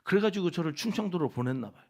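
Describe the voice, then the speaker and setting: A man preaching a dawn prayer sermon in a church, with a Chungcheong Korean accent, dropping from loud exhortation to hushed whispered asides. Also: a little high, lively intonation, fast, gravelly. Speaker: pastor. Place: church sanctuary.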